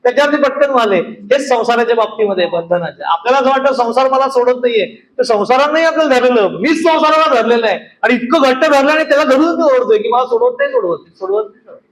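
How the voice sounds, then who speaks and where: Very high-voiced man giving a spiritual talk. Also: rough recording. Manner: explains slowly, tells stories, chants verses drawn out. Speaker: spiritual teacher. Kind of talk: devotional discourse with parables.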